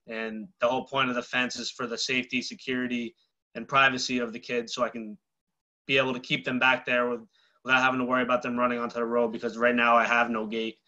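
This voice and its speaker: A man's voice: medium pitch, flat delivery, quick pace, bright, forceful tone, dull audio. A man applying for a fence variance, explaining plainly over a video call with some ums. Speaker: applicant.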